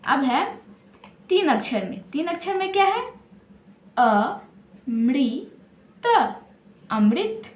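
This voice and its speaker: A woman teaching young children, speaking patiently, repeating each word slowly and asking the pupils questions, with a Bihari Hindi accent. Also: very high-pitched, sing-song. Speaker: primary school teacher. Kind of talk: recorded classroom lesson for young children. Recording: echoey room.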